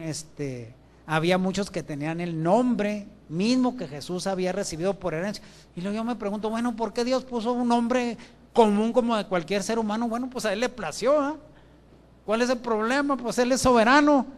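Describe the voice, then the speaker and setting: A man preaches a sermon through a microphone in a church. His voice sits high for a man, and he reads scripture verses aloud. He poses questions to the congregation and answers them himself. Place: church with benches. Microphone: handheld or stand microphone.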